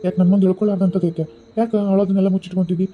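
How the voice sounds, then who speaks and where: A man's voice: high voice, flat delivery, very fast, phone-quality sound. A man with a North Karnataka accent voicing a doting, playful young husband in a cartoon who teases affectionately. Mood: coaxing. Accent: North Karnataka Kannada. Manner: teasing, affectionate. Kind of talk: cartoon voice acting.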